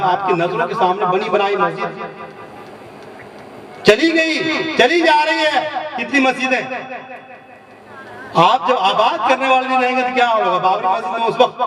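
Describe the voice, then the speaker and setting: A man's voice: high-pitched, a bit bright. A man preaching a sermon, impassioned and scolding, often chuckling between his points. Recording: echoey and distant from the mic.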